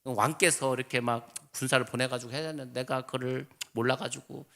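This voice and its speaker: A pastor voicing a pleading young prince. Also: male voice, mid-range voice, steady tone, a little fast, creaky, fairly bright tone, pitched below the performer's own voice. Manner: apologetic, pleading.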